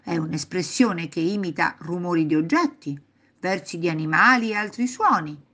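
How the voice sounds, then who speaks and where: A sly, playful old grandfather from a children's storybook explains things in an amused, teasing way, voiced by a woman reading aloud. The voice is low-set with a lively, swinging melody. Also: moderate pace.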